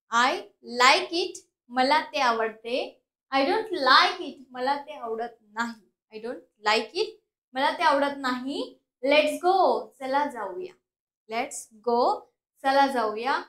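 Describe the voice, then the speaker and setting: High-voiced woman teaching spoken English. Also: fairly bright tone, roomy sound. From India. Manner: slow, drawn-out English model sentences, then quick explanations. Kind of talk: bilingual language lesson.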